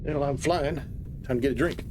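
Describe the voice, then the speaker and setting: A man's voice: on the high side, a little fast, heavy background noise. Casual, rambling male game streamer. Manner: casual, rambling explanations with many fillers. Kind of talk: live gameplay commentary.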